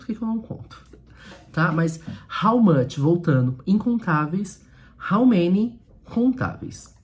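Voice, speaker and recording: A man's voice: fairly high pitch, darkish tone. A man with a Brazilian Portuguese accent giving a casual online English lesson, chatty and informal, correcting himself as he goes and drilling questions in English. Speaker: English teacher.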